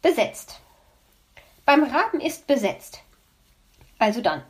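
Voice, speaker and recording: Impatient storybook magpie lady, huffy and easily offended, pitched up; a woman reads her. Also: very animated, moderate pace. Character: fussy indignant female magpie, impatient.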